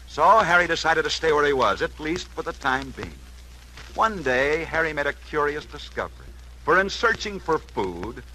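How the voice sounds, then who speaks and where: Male host, old-time radio newsreel announcer, bright punchy tone, wide dramatic pitch swings. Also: slight background noise, low-quality recording. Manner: dramatic storyteller, swooping pitch and sudden pauses. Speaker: radio sports show host. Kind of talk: 1940s radio sports newsreel storytelling.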